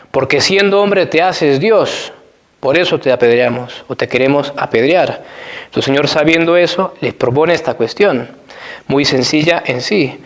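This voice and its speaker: A priest preaching a Sunday sermon in Spanish-language Mass, explaining scripture in a measured, repetitive teaching manner. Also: male voice, mid-range voice.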